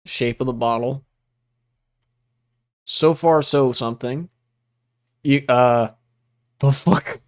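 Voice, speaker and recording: A young man hosts a casual livestream, reacting to whatever he reads on screen in a rambling, profane way full of fillers and bursts of laughter. His voice is medium in pitch, and he takes things slowly with frequent pauses.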